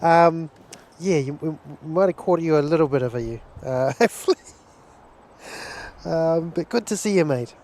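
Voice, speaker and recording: Live from near a runway and seafront, an enthusiastic New Zealand man hosts a plane-spotting stream, chuckling as he reads out viewer messages in a casual chat. His voice is a little high and slightly mellow at normal speed, with outdoor vehicle and ambient noise clearly audible.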